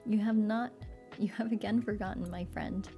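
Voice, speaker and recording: A calm, patient old philosopher, read by a woman in a soft bedtime reading. The voice is mellow and warm, and the delivery is steady. Gentle music sits faintly underneath. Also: mid-range voice, normal speed, natural voice.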